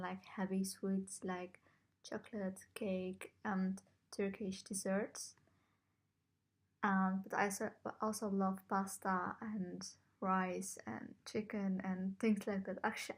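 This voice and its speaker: A woman's voice: mid-range voice, little pitch movement, slow. A young woman from the Netherlands answering viewer questions in a casual vlog, talking in a hesitant, self-conscious way. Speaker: vlogger. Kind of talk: casual Q&A to camera.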